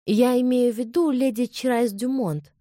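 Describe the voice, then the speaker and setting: A woman reading the part of a proud young English lady who exclaims in a high-strung voice. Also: fairly even intonation, normal speed, mellow, dry recording, clean studio sound, close to an everyday voice. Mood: flustered.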